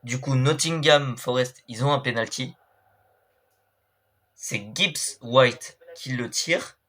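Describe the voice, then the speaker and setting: Young guy slowly going over match results, lots of ums, keeps saying sorry for his pronunciation. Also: mid-range voice, sharp tone, a little hiss or hum. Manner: hesitant, many fillers and apologies for pronunciation. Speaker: esports club show host. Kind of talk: casual football match recap.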